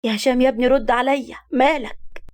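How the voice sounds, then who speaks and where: A woman's voice: high voice, steady tone, fast, darkish tone, voice pushed up, natural voice. A woman voicing an anxious, reproachful older mother in an Egyptian Arabic accent, in a storybook narration. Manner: reproachful, pleading.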